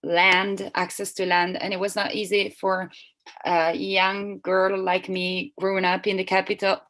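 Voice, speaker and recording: A woman interpreting a seminar talk live, speaking haltingly with frequent restarts and self-corrections. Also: mid-range voice, level tone, fairly bright tone, rough recording. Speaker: simultaneous interpreter.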